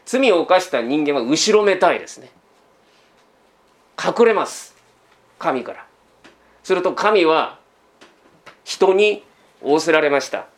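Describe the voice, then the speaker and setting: A man's voice: on the high side, expressive, slow, pauses often. A man giving a sermon as pastor, in a conversational way full of rhetorical questions, often tagging sentences with a trailing "this".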